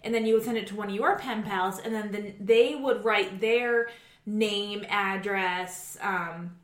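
A woman in her forties from New England chats casually, rambling through a story full of fillers. Her voice is mid-range and unhurried, and the room sounds echoey.

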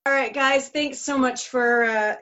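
A woman's voice: high voice, fairly even intonation, a little slow, pushed and bright. Chatty woman interviewer, lo-fi sound. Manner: chatty, rambling with fillers. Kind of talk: casual interview.

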